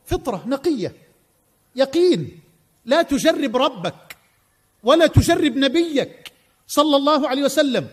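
A man's voice: very high voice, expressive, measured pace, long pauses. A male preacher giving a sermon, telling a story with impassioned oaths. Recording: long hall reverb.

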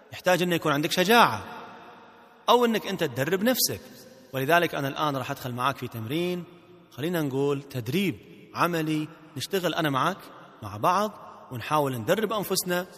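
A man's voice: on the high side, expressive, racing, a bit bright. Playful coaxing Gulf Arabic man. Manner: playful, coaxing, repeats phrases for the listener to echo. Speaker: marriage coach. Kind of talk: recorded self-help audio lesson.

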